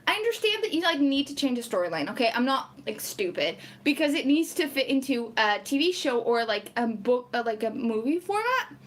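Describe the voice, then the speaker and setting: High-voiced chatty Portuguese woman streamer. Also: sing-song, brisk, few pauses. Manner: chatty, laughs a lot, lots of "like" fillers. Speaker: streamer reading chat. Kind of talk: casual live chat.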